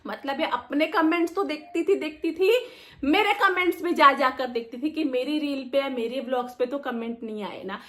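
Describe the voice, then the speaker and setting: A woman's voice: high-pitched, moderate pace. A young adult woman vlogger telling a story in a casual, emotional way and venting her frustration. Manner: emotional, venting, acts out quoted people.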